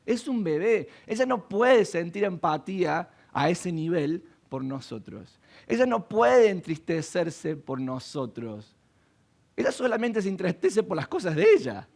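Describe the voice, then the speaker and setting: Gravelly preaching pastor, a man. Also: high voice, big pitch swings, a little slow, darkish tone. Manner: preaching with rhetorical questions to the congregation. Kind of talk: sermon. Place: church.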